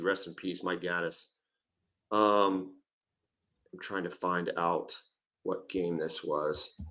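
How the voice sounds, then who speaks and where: In casual sports chat on a podcast he co-hosts, a man in his forties eagerly tells stories and often interrupts his partner. His voice is on the low side and a bit bright.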